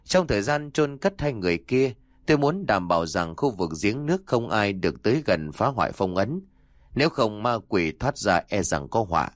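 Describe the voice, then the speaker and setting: A man's voice: lowish voice, big pitch swings, moderate pace, no room sound, studio quality. A man doing a stern old exorcist master. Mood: solemn. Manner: solemn, commanding instructions.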